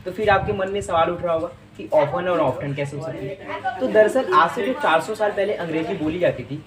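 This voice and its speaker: A man teaching English pronunciation in Hindi, explaining each word patiently and repeating it slowly. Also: high-pitched, a crowd in the background. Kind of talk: explaining lesson to camera.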